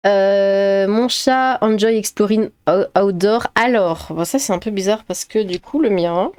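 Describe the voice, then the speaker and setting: A chatty woman vlogging, giggling as she goes and stumbling through restarts and filler sounds. Her voice sits at an ordinary middle pitch. The recording is dry and close, with almost no room sound. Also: a little slow, darkish tone, clean tone, no room sound. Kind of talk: casual chat, reading a quiz aloud.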